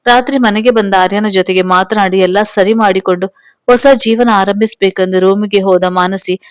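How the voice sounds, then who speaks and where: A woman narrating a family drama story in a steady, plain storytelling manner. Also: mid-range voice, moderate pace, smooth, no echo.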